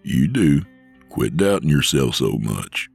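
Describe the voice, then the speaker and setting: A huge, gruff vigilante Santa who speaks slowly and steadily, as a man plays him. His voice sits very low and gravelly, with a husky edge. Faint music plays underneath. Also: very animated, darkish tone, dry recording, full character voice. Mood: earnest. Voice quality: deep gravelly voice. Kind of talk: audio drama.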